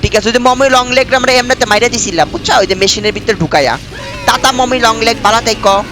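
A man's voice: extremely high pitch, fast talker, noisy background. A young man giving chatty let's-play commentary with a sore throat from a cold, repeating himself and calling viewers brother. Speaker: gameplay streamer.

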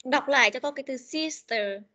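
A young woman teacher runs an online pronunciation drill. Her voice is bright and fairly high, and she corrects and repeats words slowly and patiently. It sounds like a video call mic. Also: muffled recording, slight background noise. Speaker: English teacher.

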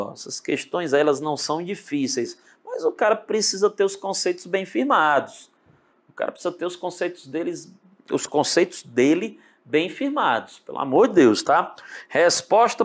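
A man with a Brazilian Portuguese accent teaching an online exam-prep lesson, speaking straight to the student and drawing words out slowly as he breaks them down. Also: on the high side. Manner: animated, talks to the student directly with lots of tag questions; drawls words out slowly when spelling them.

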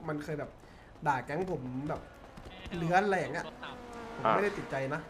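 A man's voice: on the high side, fairly bright tone, a little hiss or hum. A man talking in character as a gang member in a role-play game, firmly setting conditions. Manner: firm, quick-talking negotiator.

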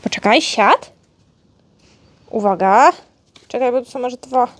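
A vlogger is at home with her dog, opening his birthday presents and chatting to him playfully in sweet pet-talk. Her voice is slightly high, with lively intonation, and she speaks slowly.

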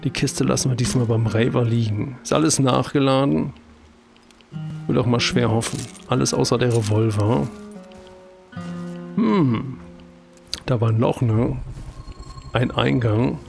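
A man's voice: medium pitch, measured pace, creaky, pauses often, over music. A man with a German accent giving casual commentary as he plays a video game, chatty and talking to himself with jokey exclamations. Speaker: let's play host.

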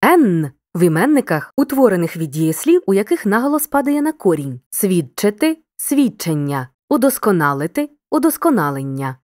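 A woman reading a scripted lesson, addressing the listener directly and spelling out example words clearly. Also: medium pitch, big pitch swings, moderate pace, a little mellow, no echo, studio quality. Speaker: teacher.

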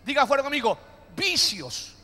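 Bright high-voiced preaching man, hall echo. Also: big pitch swings, a little slow. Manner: preaching with call-and-response to the congregation; jokey, playful asides. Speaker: pastor. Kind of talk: sermon. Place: church hall. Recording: long hall reverb.

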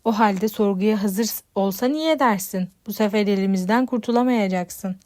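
A woman's voice: medium pitch, moderate pace, dark tone, no echo, studio quality, close to an everyday voice. A woman voicing a stern, stubborn male police detective in an audiobook.

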